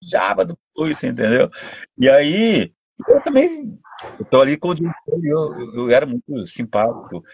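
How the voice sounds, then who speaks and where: An older man with a Brazilian Portuguese accent, a voice actor and dubbing director telling stories in a casual interview, animated and full of restarts. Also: a little high, normal speed, vocal fry, slightly rough, dull audio. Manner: animated storytelling, many restarts.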